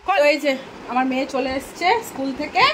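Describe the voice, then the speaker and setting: A woman vlogging casually from her home, chatting to viewers and scolding her daughter, her throat a little hoarse. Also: sits high, fairly quick, slight background noise. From Bengal. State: throat slightly hoarse lately. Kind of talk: casual home vlog chat. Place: home kitchen and bedroom.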